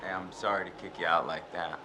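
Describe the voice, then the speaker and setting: A young man with a lowish voice, ribbing his friends with mocking wisecracks, played by an actor. It is video game dialogue with loud ambient noise behind him. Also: fairly even intonation, quick pace, lightly acted. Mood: teasing. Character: teasing young male friend and host.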